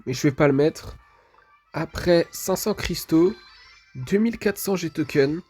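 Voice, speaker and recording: A man's voice: on the high side, a little slow, a little mellow, slightly rough, faint music behind. A man, casually commenting on a mobile game while opening rewards, hesitant and full of fillers. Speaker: gaming video creator.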